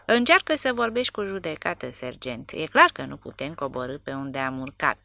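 A woman's voice: deep voice, animated, vocal fry, sharp tone, no echo, heavily acted. A woman reading the part of a proud, disdainful army colonel in an audiobook. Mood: scornful. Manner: haughty, disdainful.

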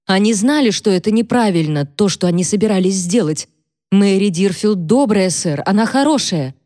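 A woman's voice: mid-range voice, expressive, moderate pace, warm tone, no echo, clean studio sound, natural voice. A woman voicing a timid, frightened young servant girl giving tearful testimony, her speech hesitant and trembling. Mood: fearful, trembling.

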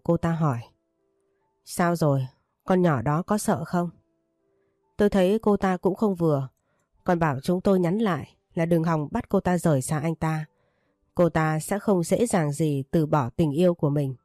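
A woman reading a first-person romance story aloud, voicing the dialogue in her own steady narrating voice. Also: lowish voice, moderate pace, no echo, clean studio sound, faint music behind.

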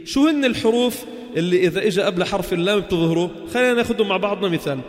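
A man with a Levantine Arabic accent teaching a religious lesson in casual dialect. He often puts quick check questions to the listeners and answers them himself. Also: sits high, big-room sound.

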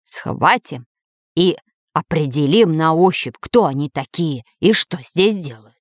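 A woman's voice: low-pitched, animated, a little slow, dry recording, studio quality. Woman doing a timid old professor. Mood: scheming.

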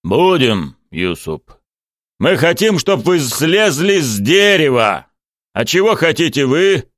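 A male narrator voicing a bluff middle-aged army general giving commands through a loudspeaker. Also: fairly high pitch, big pitch swings, slow, dry recording, clean studio sound, voice pushed up, exaggerated voice. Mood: commanding.

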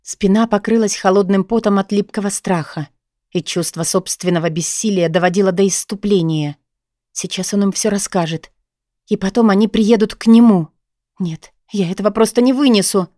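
A woman's voice: medium pitch, normal speed, a little mellow, no echo, studio quality. A woman reading a novel aloud in first person, emotional and pleading in the heroine's dialogue. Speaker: audiobook narrator. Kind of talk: scripted first-person narration.

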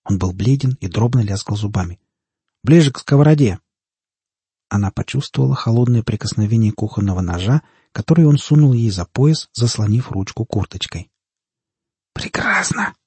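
A man narrating a fantasy story in an even, steady storytelling voice. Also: on the low side, fairly quick, hardly any pauses, husky, no room sound. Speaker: audiobook narrator.

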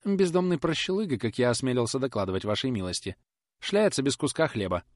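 A man's voice: medium pitch, very animated, brisk, no echo, clean studio sound, pitched above the performer's own voice, close to an everyday voice. A man voicing a fawning middle-aged office messenger who rambles and complains in an obsequious way.

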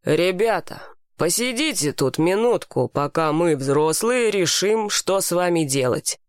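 A woman's voice: on the low side, expressive, measured pace, smooth, no echo, clean studio sound. A woman voicing a firm but kindly male firefighter who speaks frankly.

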